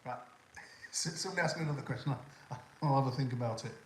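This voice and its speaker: This livestream host is an older man from around Liverpool whose Northwest English accent is softened, and he talks fast, medium in pitch. Chatty and meandering, he fields viewer questions with frequent ums and restarts. The sound is reverberant with a little hiss or hum.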